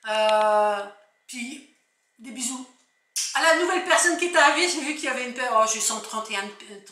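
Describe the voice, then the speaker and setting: A woman's voice: fairly high pitch, lively intonation, normal speed, bright, forceful tone. A woman in her fifties with a Picard French accent, chatting casually through a shopping haul and rambling, often restarting her sentences. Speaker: vlogger. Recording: echoey room, distant mic, faint noise.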